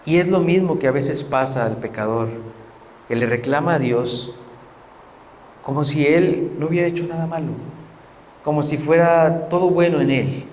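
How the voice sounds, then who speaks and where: A man with a high voice delivers a sermon as a pastor, hammering his points and mimicking the pleas of sinners with sarcasm. He is heard in a reverberant hall with a long echo, over a faint hiss of background noise. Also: normal speed, a little mellow. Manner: preaching with rising, pressing emphasis and mocking quoted pleas.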